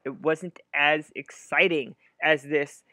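A man's voice: fairly high pitch, steady tone, slow, bright, forceful tone, dry recording. Young man narrating a recap, dry sound. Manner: earnest, explanatory. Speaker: metal detecting vlogger. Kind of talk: voice-over narration. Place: home room.

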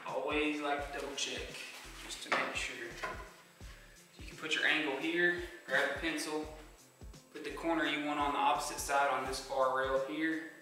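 A man presenting a casual woodworking how-to in a plainspoken, steady way with frequent ums, his voice carrying a big hall-like echo. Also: on the high side, moderate pace. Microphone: phone camera mic. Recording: very echoey phone audio from a distance, loud music behind.

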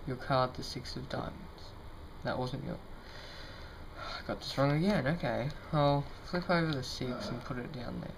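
A man's voice: mid-range voice, normal speed, creaky. A young man casually presenting to camera as an amateur magician, informal, tentative and self-deprecating, at a table indoors. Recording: noisy home recording, card shuffling sounds.

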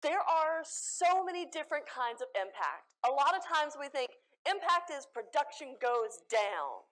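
Animated, lively-pitched American woman speaker. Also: unhurried. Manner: animated, self-deprecating, laughs often. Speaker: conference speaker. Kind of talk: conference talk with slides. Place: conference hall stage.

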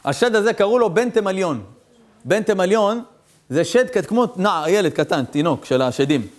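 A male rabbi telling a story in a sermon, animated and acting out the voices of the characters. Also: high-pitched.

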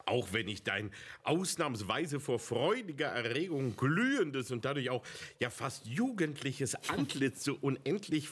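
A man co-hosting a comic film show with wordy, drily teasing banter and halting delivery. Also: mid-range voice, breathy edge. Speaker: co-host of a bad-movie show.

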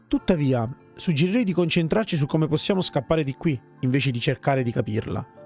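A man's voice: a little high, animated, fairly quick, a little mellow, slightly rough, soft background music. A man voicing a pompous, self-assured talking magic book in a fantasy game. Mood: lecturing.

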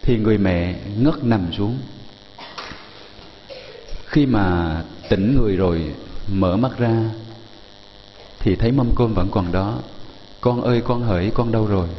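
A male Buddhist monk telling a story in a sermon, gently addressing his listeners. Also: lowish voice, in a large hall, dull audio, slight background noise.

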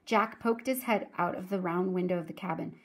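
A woman teacher reading a children's chapter book aloud in a clear, steady voice. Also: on the low side, fairly quick. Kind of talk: storybook read-aloud narration.

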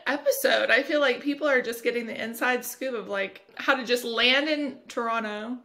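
A woman co-hosts a podcast from a studio. Her voice is a little high and very bright. She answers in a friendly, easygoing way. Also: moderate pace. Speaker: podcast co-host and producer. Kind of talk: casual podcast chat.

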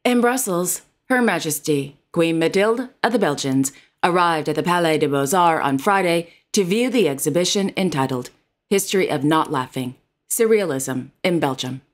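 A woman's voice: low voice, lively intonation, moderate pace. A woman presenting royal news in a formal, carefully read narration. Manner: formal, reads titles and quotes carefully.

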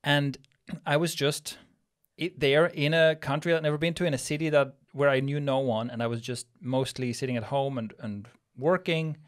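A man's voice: mid-range voice, fairly even intonation, moderate pace. A man in his thirties from Switzerland, co-hosting a casual podcast and thinking aloud with restarts into a studio mic. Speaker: podcast co-host. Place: small studio room with plant wall. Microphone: studio mic on boom arm, headphones.

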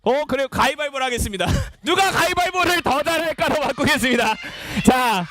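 A young man, a junior pastor, leading a lively quiz game for children in a church education hall, playful and energetic as he calls out to the kids. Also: very high voice, fairly quick, slight background noise.

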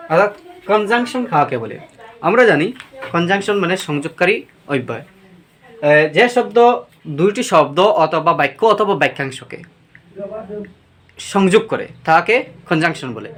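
Teacher, grammar lesson, asks and answers own questions, slow example sentences, animated pitch. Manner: reads example sentences slowly. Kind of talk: explaining grammar lesson to students.

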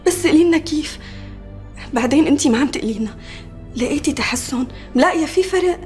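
Comforting sister, syrian accent, high voice, very fast talk, faint music. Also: female voice, lively intonation, darkish tone. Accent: Syrian Arabic. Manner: soothing, coaxing sisterly talk. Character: caring young woman comforting her sister. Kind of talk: TV period drama acting.

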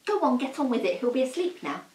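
A woman's voice: high voice, very animated, a little mellow, reverberant. A woman playing a bossy scheming Lady Macbeth. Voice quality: brisk, scolding, sarcastic. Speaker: actor in a comedy film. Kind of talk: comic stage acting.

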